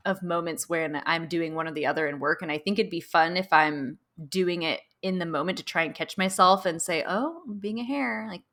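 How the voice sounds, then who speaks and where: A woman's voice: deep voice, steady tone, a little fast, few pauses, a bit bright. A woman co-hosting a podcast in casual chat, playful and laughing often as she talks things through. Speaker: podcast co-host.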